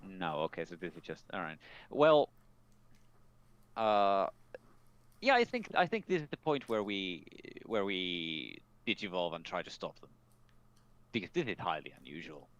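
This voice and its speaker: Male player, chatty and halting, voice swinging up and down. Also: sits low, dry recording, muffled recording. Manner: hesitant, restarts often, animated. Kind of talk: casual tabletop play.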